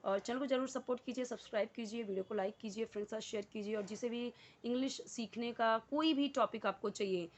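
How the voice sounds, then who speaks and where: A woman's voice: on the high side, quick pace. A woman teaching English in Hindi, explaining sentences step by step and repeating key words with frequent fillers. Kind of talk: casual Hindi English lesson.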